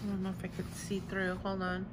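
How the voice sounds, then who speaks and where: A woman's voice: mid-range voice, completely flat delivery, a little fast, heavy background noise. A woman showing off new craft stamps in a casual, gushing way, repeating how much she loves each one. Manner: gushing, enthusiastic, repeats "I love" and "so cute". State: has the hiccups. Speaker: crafting vlogger. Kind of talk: casual show-and-tell of stamps.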